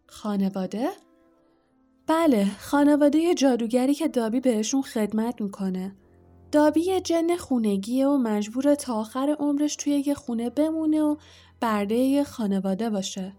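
A woman voicing a small, timid male house-elf servant in an audiobook, with a high, shrill, squeaky voice and a self-abasing, groveling way of talking. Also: animated, dark tone, faint music behind, close to an everyday voice. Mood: fearful. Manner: self-abasing, calls everyone sir, talks of himself by name. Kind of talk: audiobook character voice.

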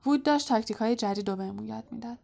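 A woman reading the lines of an evasive teenage boy wizard in an audiobook, quick and clipped. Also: a little high, gravelly, a little mellow. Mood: terse.

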